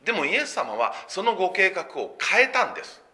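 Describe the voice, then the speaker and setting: Male pastor, sermon delivery, fairly high and bright, lively rise and fall, explanatory preaching manner. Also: brisk. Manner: expressive preaching with sweeping pitch and emphatic phrases; explanatory, asks and answers his own questions.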